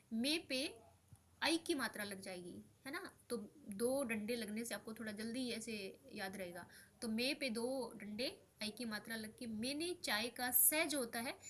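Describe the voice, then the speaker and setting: A woman's voice: a little high, bright, forceful tone, slight background noise. A young woman teaching Hindi spelling, patiently repeating each word as she explains a practice paper, sleepy late at night and mixing in English words. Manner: mixes in English words and phrases.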